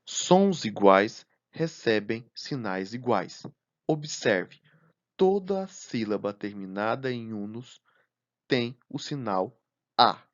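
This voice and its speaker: A man narrating a recorded lesson, slow and deliberate, counting syllables aloud one by one. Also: on the low side, animated, lo-fi sound. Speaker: teacher.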